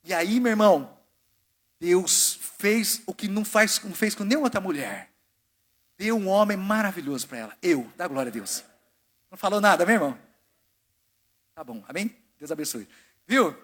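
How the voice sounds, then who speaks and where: A male pastor from Brazil preaching a sermon in a church, exhorting the congregation to call back and swinging between loud proclamation and quiet asides. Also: sits high, big pitch swings, normal speed, pauses often. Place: church sanctuary.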